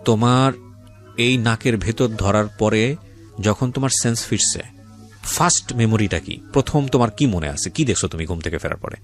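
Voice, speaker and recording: Interviewing on the radio and commenting on people's life stories, a Bangladeshi-accented male host speaks with emphasis, repeats phrases and slips in English words. His pitch is fairly low, his speed normal, and faint music plays behind him.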